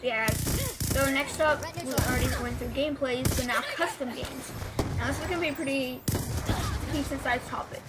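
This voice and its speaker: A woman's voice: high-pitched, moderate pace, very noisy. A woman giving casual, rambling gameplay commentary, her speech slurred by the braces she is wearing. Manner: rambling, hesitant. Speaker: gaming video creator.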